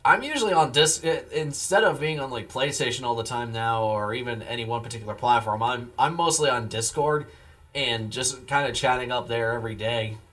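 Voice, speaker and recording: A man's voice: medium pitch, a little fast, fairly bright tone. A man live streaming, chatting casually with viewers in a laid-back, rambling way. He sounds tired after a long day. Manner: laid-back and rambling, replies to chat messages.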